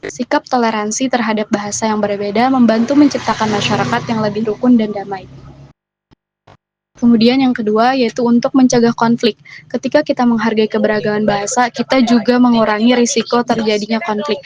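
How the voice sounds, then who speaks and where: A woman student reading an educational explanation in an even way. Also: fairly high pitch. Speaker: student presenter. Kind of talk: read educational narration. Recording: dull lo-fi sound with faint noise.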